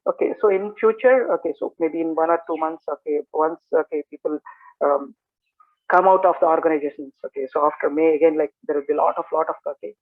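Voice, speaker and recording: A man's voice: fairly high pitch, quick pace. A man from Andhra Pradesh with a Telugu Indian English accent, a native Telugu speaker, teaching in a casual live Q&A and often dropping in "okay" and "like". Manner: repeats "okay" and "like" as verbal tics. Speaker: software trainer answering questions. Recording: tinny narrow phone-like call audio.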